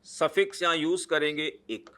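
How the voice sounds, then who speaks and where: A man's voice: fairly high pitch, fairly even intonation, moderate pace, sharp tone. A man teaching a chemistry lecture, explaining step by step and checking understanding with short tag questions. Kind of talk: classroom lecture.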